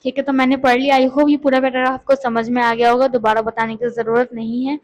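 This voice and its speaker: Woman, high voice, English teacher, slow careful English reading. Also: flat delivery, a little mellow, lo-fi sound. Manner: explains in Hindi, reads English lines slowly and carefully; repeats words and asks questions to the viewer. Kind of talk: lesson.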